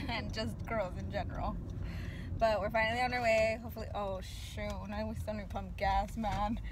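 A young woman vlogging to a handheld camera, chatty and excitable, laughing often. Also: medium pitch, normal speed. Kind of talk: casual vlog talk to camera. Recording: noisy outdoor and car recording.

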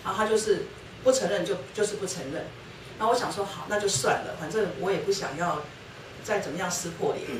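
A middle-aged woman gives a church testimony at a brisk pace, acting out each exchange she recalls. She sounds set back from the microphone, and the hall around her is roomy and echoing. A faint hiss sits under her voice. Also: mid-range voice. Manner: storytelling, acting out quoted dialogue. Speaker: guest speaker sharing her testimony with her husband. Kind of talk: personal testimony talk at a church lecture. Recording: roomy hall, distant mic, faint noise.

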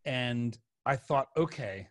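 Speaking slowly and expressively in a mid-range voice, a middle-aged man hosts a casual podcast chat with no room sound. He sits indoors in a small room with a sofa, close to a desk microphone and wearing a headset.

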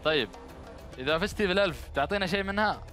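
A man's voice: sits high, expressive, rapid-fire, bright, forceful tone, faint music behind. A man with a Gulf Arabic accent hosting a TV phone-in quiz, bantering with callers and encouraging them with blessings. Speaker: game show host. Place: small studio set dressed as instrument shop. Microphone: headset microphone.

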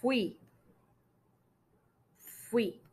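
A woman teaching a children's phonics lesson, stretching out syllables slowly for young learners to repeat. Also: a little mellow.

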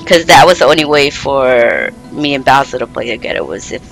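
A man's voice: mid-range voice, lively intonation, brisk, gravelly, a bit bright, faint music behind. A man streaming a co-op game, chatting casually and explaining settings to a friend. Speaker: gamer streaming co-op play. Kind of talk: casual gaming chat.

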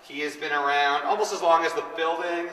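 Guy doing live backstage reports, a bit high and bright, roomy echo. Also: fairly quick. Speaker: backstage pre-show correspondent. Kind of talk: ad-libbed live event reporting. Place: cluttered backstage storage room. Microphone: handheld mic. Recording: echoey backstage room.

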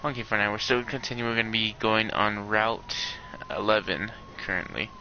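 A man's voice: on the low side, fairly even intonation, moderate pace, creaky, sharp tone. A man playing a police officer in a game roleplay, calling in over the police radio in clipped codes and repeating his call sign. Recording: dull lo-fi mic with faint noise.

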